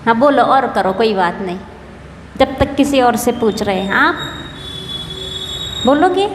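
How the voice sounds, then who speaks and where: A woman, a nun, patiently leading a scripture recitation class, correcting pronunciation and gently teasing her students. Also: fairly high pitch, expressive, measured pace. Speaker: Jain nun teaching scripture. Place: temple hall. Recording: echoey hall with long reverb, faint hiss.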